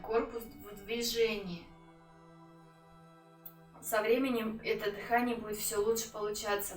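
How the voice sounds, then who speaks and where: A woman giving an instructional breathing lesson as a yoga teacher, calm and unhurried, with pauses between phrases. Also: medium pitch. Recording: roomy echo, distant mic, music.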